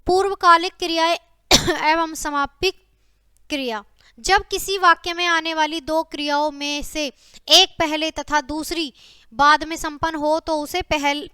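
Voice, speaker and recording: A woman teacher leads a grammar lesson for schoolchildren, going through her examples one at a time. Her voice is high and bright, and she speaks close to the mic in a dry space with no room echo. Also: fairly even intonation, unhurried. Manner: says "ठीक है" often, addresses students as "बच्चा"; reads out example words and sentences one by one.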